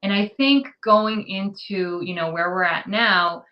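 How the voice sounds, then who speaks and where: A woman's voice: medium pitch, a little slow, dull audio. A woman from New York City, an immigrant rights advocate, giving articulate, detailed interview answers with frequent ums.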